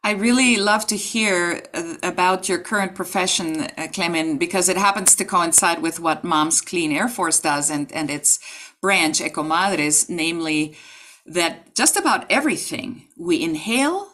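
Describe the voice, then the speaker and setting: A woman's voice: fairly low pitch, a little slow. A middle-aged woman hosting a video-call interview series from her home, speaking articulately and asking long, carefully framed questions. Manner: articulate and warmly admiring, longer framed questions. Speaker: host. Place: home room with bookshelf and red rug. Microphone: video call webcam.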